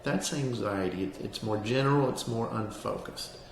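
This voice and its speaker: Calm male counselor in an echoey room. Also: on the low side, moderate pace, vocal fry. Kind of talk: explanatory lesson on anxiety grounding, spoken to camera. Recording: roomy echo with faint background noise.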